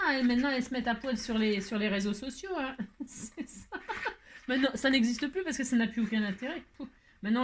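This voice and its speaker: A woman's voice: fairly high pitch, a little hiss or hum. A woman hosting a casual card-making tutorial, chatting and joking as she works, with lots of "hein" asides and mock exasperation. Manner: theatrical self-mocking exasperation. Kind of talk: casual crafting tutorial chat.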